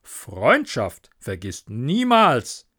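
A man's voice: mid-range voice, wildly swooping pitch, extremely slow, sharp tone, breathy edge, full character voice. A man playing a pompous, selfish older miller in a storybook, speaking in a moralizing, self-satisfied way.

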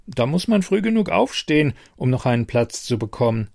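A man's voice: a little high, big pitch swings, normal speed, gravelly, no room sound, clean studio sound, voice pushed up, full character voice. A man voicing a young woman who hides her nerves behind forced cheer. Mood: feigned cheer. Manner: forced bright, nervous cheer.

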